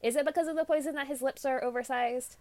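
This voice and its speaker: A young woman chatting casually on a book podcast, animated and often laughing. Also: high voice, dry recording. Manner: giggly, animated, quick to laugh.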